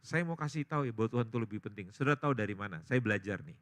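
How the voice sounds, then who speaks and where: A male pastor preaching a sermon, swinging between loud emphatic peaks and quiet storytelling. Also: lowish voice, lively intonation, racing. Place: church service.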